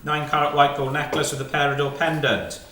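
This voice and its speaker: This auctioneer's voice sits on the high side, sharp and brisk with little pitch movement. Calling fine art lots live, he fires off clipped, repeated numbers and short prompts, chanting bids quickly and describing each lot. It was recorded from a distance in an echoey indoor saleroom with faint noise.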